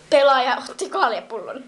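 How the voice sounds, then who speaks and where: A woman's voice: high-pitched, fairly bright tone, slight background noise. A young woman watching a friend play, giggling and teasing in casual chat.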